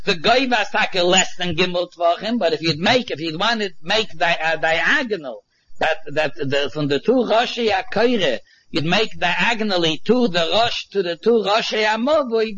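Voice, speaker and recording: Dull lo-fi recording of a guy w a yiddish accent teaching talmud, high voice, keeps repeating phrases to hammer it in. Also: expressive, moderate pace, fairly bright tone. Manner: emphatic, repeats phrases as he explains. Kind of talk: informal Talmud lesson, explaining step by step. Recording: dull, muffled lo-fi audio.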